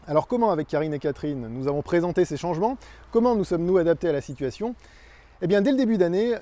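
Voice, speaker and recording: A man's voice: a little high, mellow. A man giving a corporate year-in-review presentation as an agency presenter, conversational and often hesitating.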